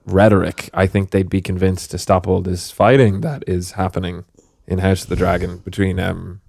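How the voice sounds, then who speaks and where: A man's voice: deep voice, little pitch movement, normal speed, creaky, darkish tone, dry recording. A man co-hosting a comedy podcast, giving dry, wry asides in casual banter. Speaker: podcast co-host.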